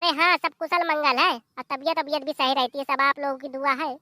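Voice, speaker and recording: Actor doing a snarky young bahu, cartoon, bright dry sound. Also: sits high, fairly even intonation, a little fast, no room sound. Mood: tart. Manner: sarcastic, tart. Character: tart young daughter-in-law, sister-in-law.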